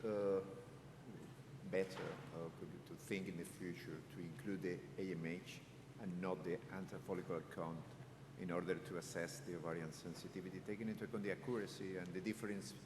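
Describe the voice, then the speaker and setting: A man making a point in a conference discussion, speaking in a measured, hesitant way. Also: deep voice, level tone. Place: conference hall. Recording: echoey hall, clear ambient noise.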